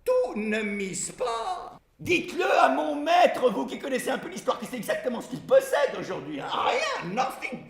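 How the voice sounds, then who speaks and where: A cheeky court jester, played by a man, laughing through his lines in a high voice that leaps all over the place. His talk is playful and sing-song, like nursery rhymes. The sound is an echoing stage. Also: wildly swooping pitch, normal speed, creaky, few pauses, full character voice. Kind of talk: stage storytelling performance. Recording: echoey stage recording.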